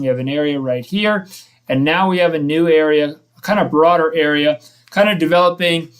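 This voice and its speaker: A man hosting live weather coverage gives unscripted commentary on severe weather, his voice slightly high and a bit bright. As he analyses, he halts now and then and corrects himself.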